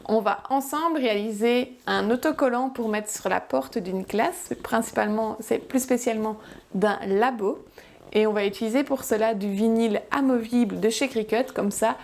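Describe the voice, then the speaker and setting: A woman's voice: medium pitch, moderate pace, gravelly, darkish tone, a little hiss or hum. A woman hosting a casual crafting tutorial, chatty and upbeat as she guides viewers step by step. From France.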